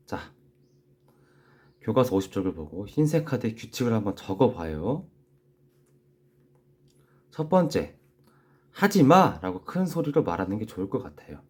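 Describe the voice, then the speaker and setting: A man teaching young children in a recorded class, gently repeating key phrases slowly so they can write them down. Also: lowish voice, husky. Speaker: elementary school teacher.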